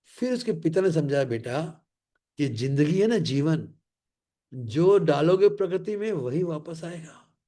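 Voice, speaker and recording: A man giving a motivational leadership training talk, emphatic and repetitive, slowing down to deliver short catchphrases in English. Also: on the high side, expressive, dark tone.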